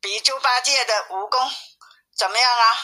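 A woman's voice: on the high side, moderate pace, bright, forceful tone. A woman reading as a fierce demon king. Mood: menacing. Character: fierce male demon king, mountain cave chief. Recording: tinny phone-like sound.

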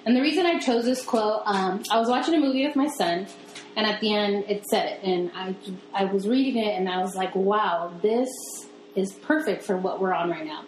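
A woman co-hosting a casual podcast, playful and quick to laugh. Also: mid-range voice, echoey room, a little hiss or hum, rough recording. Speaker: podcast co-host.

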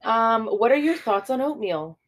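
A woman's voice: a little high, animated, measured pace. A young adult woman in casual chat who reads questions aloud and teases her friends in a dry way. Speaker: co-host reading questions.

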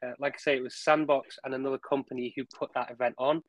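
A man's voice: mid-range voice, little pitch movement, quick pace, dry recording. Male guest, casual and rambling, repeats himself while finding words, dry sound. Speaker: podcast guest, project representative. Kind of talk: casual conversational recounting.

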